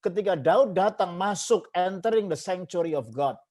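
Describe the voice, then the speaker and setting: A man's voice: high-pitched, animated, normal speed, a little mellow. A man preaching a sermon as a pastor, emphatic, with repeated parallel phrases and English words mixed in. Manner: mixes English phrases into Indonesian, repeats "saudaraku" often.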